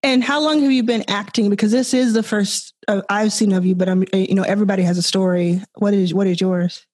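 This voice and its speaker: A woman podcast host with a mellow, warm tone, chatting in a casual, excited way. She sounds a little out of breath and keeps tripping over her own words, restarting sentences as she goes. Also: mid-range voice, brisk. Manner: excited, restarts often, laughs. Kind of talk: casual podcast intro and interview.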